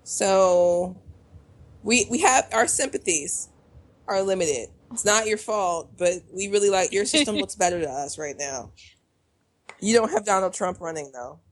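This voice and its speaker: A woman with a Chicago accent and a medium-pitched voice co-hosts a casual podcast, speaking at a normal speed. She talks freely and chattily, trailing off between thoughts and then restarting.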